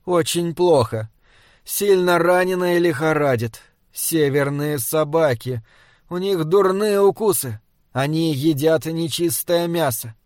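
A man's voice: fairly high pitch, a little slow, darkish tone, no echo, studio quality, close to an everyday voice. A man voicing a stern older healer woman who speaks curtly and with irritation. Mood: grave. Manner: curt, irritated.

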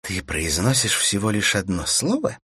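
A domineering, seductive woman, as a male reader puts her on, raised well above his deep register. She teases and commands in the same breath. The sound is dry and close. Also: wildly swooping pitch, normal speed, pushed and bright, slightly rough, no echo, full character voice. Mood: teasing. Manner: commanding, teasing.

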